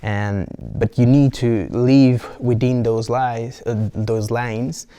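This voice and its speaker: Slowly and with fairly even intonation, a young Brazilian vlogger speaks in a warm, clean, mid-range voice. His first language is Portuguese and his accent Brazilian, and he rambles playfully to camera in casual talk, restarting many times.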